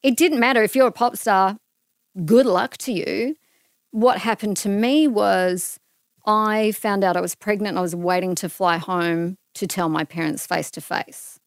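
A middle-aged woman with an Australian accent talks earnestly through a personal story as an interview guest, her voice smooth and clear. The sound is close and dry, with no room around it. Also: medium pitch, a little slow, no room sound. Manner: earnest, animated retelling with acted-out quotes.

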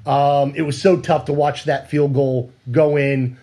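A man's voice: a little high, fairly even intonation, unhurried, warm tone. A man hosting a sports podcast, chatting casually and steering the talk with questions. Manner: conversational, leads the questions. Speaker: podcast host.

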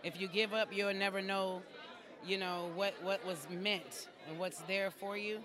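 Guy artist with high voice, encouraging interview chat, loud crowd outside. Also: steady tone, measured pace. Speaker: music artist being interviewed. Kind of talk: casual encouraging interview talk. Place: outdoor red carpet event. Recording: loud crowd chatter outdoors.

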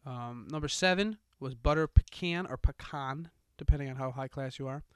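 A man's voice: medium pitch, fast talker, smooth, no room sound, clean studio sound. A young man co-hosting a casual podcast, joking, laughing and reading listener emails aloud. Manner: jokey, laughs often, reads emails aloud. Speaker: podcast co-host.

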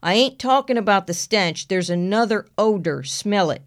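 Woman doing a gruff sheriff. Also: mid-range voice, animated, moderate pace, lightly acted. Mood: instructive, blunt. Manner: gruff, blunt, swearing drawl. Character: big burly gruff 55-year-old male sheriff.

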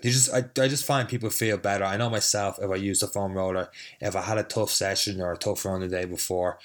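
A man's voice: low voice, fairly even intonation, fast. A man who is a fitness coach hosting his own podcast, talking casually with a cold, rambling and self-deprecating, with the mic a little further away. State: has a cold, sniffly. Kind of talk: casual solo podcast talk. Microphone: mic set a little further away than usual.

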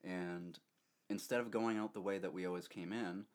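A young man with a very low, deep voice tells a long rambling story in casual chat. He laughs often and keeps restarting his sentences as he goes. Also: fairly even intonation, moderate pace. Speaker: storyteller co-host.

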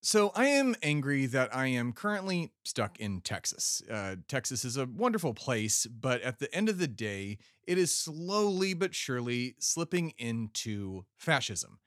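A man rants heatedly into a voice message, swearing and pushing his words hard. His voice sits at an ordinary pitch. The recording is dry with no room sound. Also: very animated, a little slow, few pauses, a bit bright, dry recording. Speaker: caller. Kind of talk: angry voice-message rant.

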